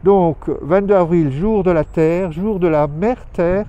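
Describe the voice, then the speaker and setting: Out on the town streets, a man gives a casual live vlog update for his weekly show, shot on a handheld phone or camera with lo-fi sound. His voice is high and mellow, his pace unhurried, and he meanders hesitantly, using lots of filler words.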